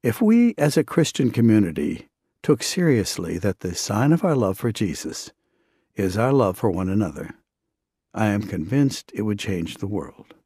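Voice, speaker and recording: A man preaches with an earnest, conversational pull, weaving stories into his sermon. His voice sits on the low side with a husky grain, recorded close and dry. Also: very animated, normal speed, mellow, dry recording. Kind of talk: sermon with storytelling.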